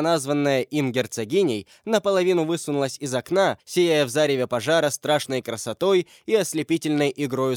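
A man narrating a historical novel audiobook in a measured, dramatic way. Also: fairly high pitch, no room sound, studio quality.

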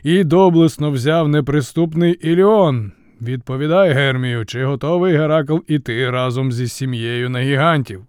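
A man voicing an imperious male king of the gods who makes solemn, booming speeches. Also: normal speed, hardly any pauses, a little mellow, smooth, no room sound, clean studio sound, natural voice. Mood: solemn, commanding.

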